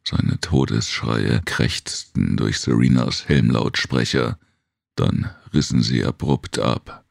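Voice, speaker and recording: Male audiobook narrator, extremely deep, dry close sound. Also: vocal fry, no echo. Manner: measured storytelling.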